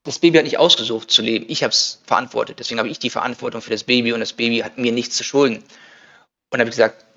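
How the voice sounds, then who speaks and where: A man in his thirties talks at a quick clip with a gravelly, creaky edge. He speaks energetically, jumping into voiced quotes of his own thoughts. The sound is dull and lo-fi. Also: mid-range voice, steady tone, sharp tone. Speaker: guest. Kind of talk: casual podcast conversation.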